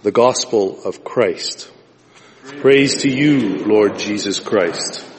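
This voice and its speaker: A male pastor leading a liturgy and reading the gospel in a slow, solemn, drawn-out manner, with cathedral echo. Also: on the low side, a crowd in the background. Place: large church sanctuary. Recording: long reverb of a large church.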